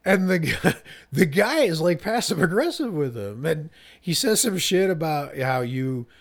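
A man co-hosting a casual film podcast, with a slightly high voice. His pitch swings widely as he retells scenes. He laughs easily and talks with animation. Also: very animated, unhurried, gravelly. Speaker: podcast co-host.

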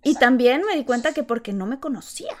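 A woman with a Mexican accent, an actress who tells personal stories in a casual, animated and self-reflective way. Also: sits high, brisk. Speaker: actress sharing her experience. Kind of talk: casual conversation.

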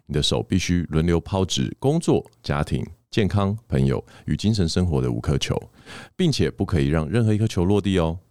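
Lively low-pitched man, Taiwanese Mandarin accent. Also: no echo, clean studio sound. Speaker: podcast host. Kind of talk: conversational podcast hosting. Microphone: close podcast microphone with headphones.

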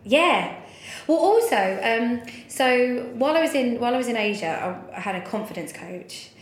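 Her voice is a little high and expressive, moving at a moderate pace. She's in her thirties, an interview guest sharing personal stories in a candid, casual way with lots of swearing, recorded in an echoey room with faint noise behind her.

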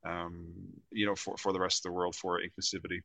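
A man's voice: sits low, level tone, a little fast, fairly bright tone, no room sound. A man from Canada, a podcast guest, talking earnestly in casual chat. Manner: earnest, many fillers and restarts.

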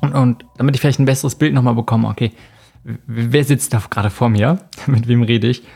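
A man's voice: mid-range voice, fairly even intonation, brisk, gravelly, darkish tone, slightly rough, soft background music. A man hosting an interview, affirming his guest in a friendly way and asking open questions. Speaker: podcast host, interviewer. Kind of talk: casual conversational interview.

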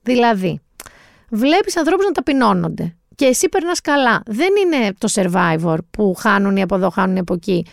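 A woman co-hosting a casual talk show, chatting lively and emphatically about new TV series. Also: medium pitch, gravelly, no echo, studio quality. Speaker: podcast co-host recommending series. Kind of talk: casual chat.

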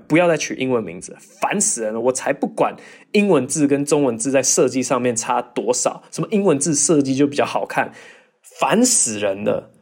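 A man hosting a casual podcast, reading listener questions and answering with animated, mock-exasperated rants and jokey asides. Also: medium pitch. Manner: mimics accents in bursts of English. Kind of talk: casual chat.

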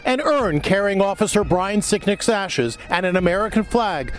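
High-pitched man narrating entertainment news. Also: animated, moderate pace. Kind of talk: scripted tabloid TV news narration. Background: music bed.

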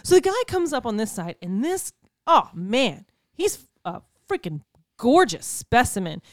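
Animated woman telling a story. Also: a little high, measured pace, no room sound, studio quality. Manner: animated storyteller, laughing often, acting out quoted voices. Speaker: podcast co-host. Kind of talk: casual storytelling chat.

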